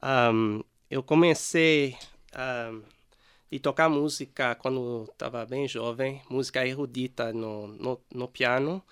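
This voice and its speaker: Canadian man, slow hesitant speech, smooth clear voice. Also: medium pitch, steady tone, fairly bright tone. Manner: hesitant, many fillers and restarts in a second language. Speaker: musician guest.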